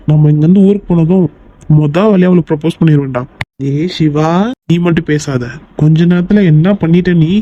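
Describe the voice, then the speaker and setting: A young man voicing excitable young men in a homemade cartoon, loud and teasing. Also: on the high side, dull audio, close to an everyday voice. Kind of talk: amateur cartoon voice acting.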